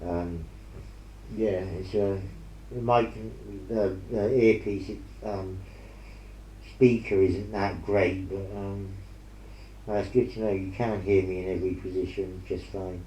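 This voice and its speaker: A man hosting a painting ASMR video, mumbling and rambling softly while he paints, speaking into an earpiece mic. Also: sits low, steady tone, slow, slight background noise. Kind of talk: soft-spoken casual chat while painting. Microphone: earpiece headset mic. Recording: roomy with faint ambience.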